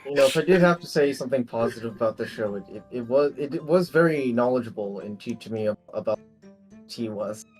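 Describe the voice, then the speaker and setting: A man's voice: mid-range voice, animated, quick pace, soft background music. A man co-hosting a podcast over a remote call whose audio glitches and cuts out, making dry, sarcastic remarks with stammered repeats. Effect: glitchy, cutting-out call audio. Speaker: podcast co-host. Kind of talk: casual chat. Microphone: remote video call.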